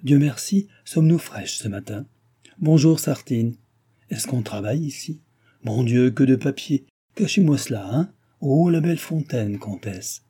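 A man's voice: mid-range voice, lively intonation, measured pace, mellow, slightly rough. A man voicing an offhand, easily bored king in an audiobook reading. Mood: airy.

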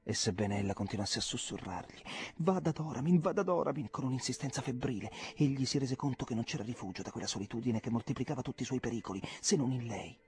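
A man reading a classic novel aloud, with a measured and expressive delivery. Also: medium pitch. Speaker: reader. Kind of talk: audiobook narration.

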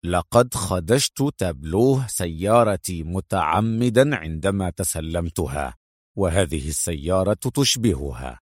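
A man reading as a stern secret agent hero, pitched well below the narration, low and measured. The agent in this audiobook sounds controlled and firm. The dry, close recording leaves no room sound. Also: dry recording. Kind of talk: audiobook character voice.

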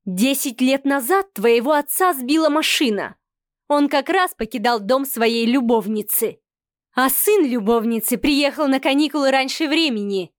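A woman reading the part of a haughty, cynical middle-aged mother in an audiobook, speaking slowly and sarcastically. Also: high voice, animated, no echo, clean studio sound. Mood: scornful. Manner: sarcastic, slow and cutting.

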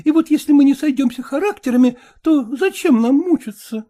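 Pitching his voice very high, above his natural register, a man narrates as a spirited, outspoken young woman setting her conditions firmly. The delivery is quick, persuasive, and insistent.

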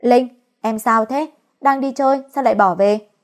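A woman's voice: a little high, normal speed, lightly acted. A woman reading the part of a young husband who coaxes and teases his wife in a storybook romance. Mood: coaxing. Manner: coaxing, playful. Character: young husband, teasing and coaxing.

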